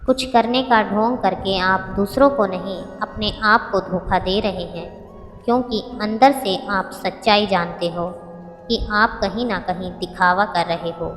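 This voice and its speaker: A woman reading short motivational sayings as scripted narration, in a measured, reflective way. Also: mid-range voice. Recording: long reverb with background music.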